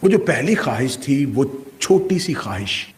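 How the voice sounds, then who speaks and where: A man's voice: medium pitch, big pitch swings. A middle-aged man preaching a sermon to a gathering, impassioned and full of rhetorical questions. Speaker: Shia cleric giving a majlis.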